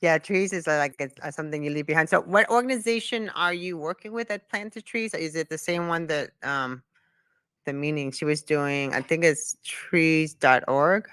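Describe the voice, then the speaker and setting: A woman co-hosting a casual live audio chat, asking questions in a quiet, hesitant way. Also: deep voice, moderate pace, smooth, no room sound.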